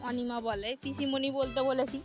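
A woman's voice: high voice, fairly even intonation, normal speed, low-quality recording. Chatty woman vlogging over background music. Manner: chatty, addresses viewers as friends; instructs a small child while picking vegetables. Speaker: home vlogger. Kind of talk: casual home vlog. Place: home and garden.

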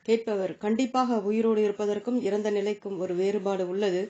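An earnest seeker asking about the mind and the self, voiced by a woman reader. The questions come in a plain, even way with a warm, relaxed tone. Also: mid-range voice, a little fast, highs cut off, close to an everyday voice. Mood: questioning.

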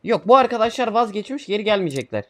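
Young guy streaming a shooter, chatty and hyped, loud gunshots in the back. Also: sits high, fast, slight background noise. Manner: casual, joking, addresses viewers as friends; bursts into loud excitement in fights. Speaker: gaming streamer. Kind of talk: excited gameplay commentary. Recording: game gunfire loud behind. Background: gunshots and game sounds.

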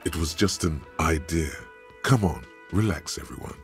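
An actor voicing a wry, grim male narrator in a video game, with a deep gravelly voice and a slow, deadpan delivery. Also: heavily acted. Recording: game audio over background music.

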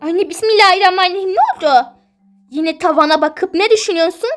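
A woman's voice: very high-pitched, fast talker, a bit bright, soft background music. A woman voicing a strict, nosy middle-aged mother in a toy-game role-play, scolding and suspicious.

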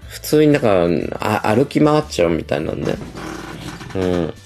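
A man's voice: low-pitched, very animated, moderate pace, a little mellow, faint music behind. A middle-aged man livestreaming, telling stories in a chatty, gossipy way with a feminine speech style. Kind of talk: casual livestream chat.

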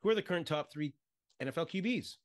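A man co-hosting a casual sports podcast, bluntly firing quick questions at his partner. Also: fairly high pitch, animated. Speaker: podcast co-host.

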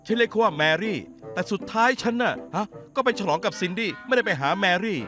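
A man's voice: sits high, expressive, fast, music in the background. A man dubbing a cheeky young man who mocks and jokes flippantly. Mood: joking. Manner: joking, mocking, flippant. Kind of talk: Thai dub of a TV drama.

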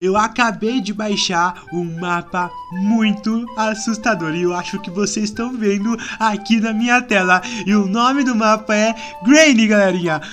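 A woman with a Brazilian Portuguese accent playing a horror game for her channel, easily scared and quick to shriek and exclaim. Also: mid-range voice, over music. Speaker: gaming YouTuber. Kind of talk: horror game let's-play commentary.

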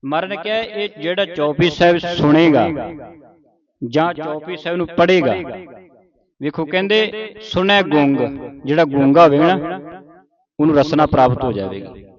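A man teaching the correct recitation of scripture, reading line by line and repeating words slowly for his students. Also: on the high side, dull audio, crowd noise. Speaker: Gurbani pronunciation teacher. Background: group of students.

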